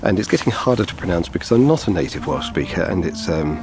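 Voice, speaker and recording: Walking a grassy wetland path, a thirtyish wildlife photographer talks fast in a low, sing-song voice, teaching photography technique for his outdoor vlog. He seems somewhat tired and gestures as he speaks. Distant chainsaws and traffic add to the outdoor noise.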